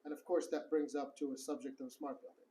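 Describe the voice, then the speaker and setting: A man's voice: on the high side, level tone, quick pace, dark tone, slight background noise, poor audio. A middle-aged man from Morocco, a company co-founder, steadily explaining technical matters in an office interview. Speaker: guest, tech co-founder. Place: office in the city.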